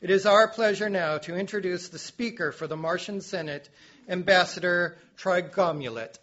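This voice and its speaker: A man's voice: high-pitched, normal speed, a bit bright, muffled recording. A man voicing a dramatic male herald who warns humanity, delivered in an announcer's manner in an audio drama. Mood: ominous.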